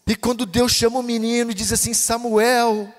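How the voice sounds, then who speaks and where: Male preacher, Brazilian Portuguese accent, high-pitched, fervent chanting delivery, long church reverb. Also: little pitch movement, normal speed. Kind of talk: pentecostal sermon. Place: church hall.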